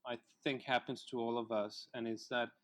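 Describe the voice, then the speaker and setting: A middle-aged man from Colombia, a native Spanish speaker, telling his life story as a guest in a relaxed interview. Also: mid-range voice, moderate pace. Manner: reflective storyteller, many fillers. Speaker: filmmaker guest. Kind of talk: casual interview chat.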